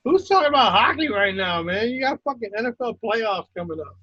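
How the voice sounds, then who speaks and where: A man's voice: high voice, very animated, brisk, sharp tone, dull audio. A man co-hosting a sports talk show, blunt and teasing, swearing freely. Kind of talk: casual sports chat.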